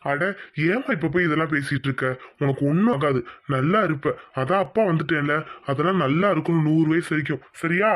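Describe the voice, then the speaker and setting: A man's voice: on the high side, fairly quick, a bit bright, lightly acted. A man voicing a worried middle-aged village father in a cartoon, anxious and doting, in rustic talk. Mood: tender. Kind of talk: cartoon voice acting.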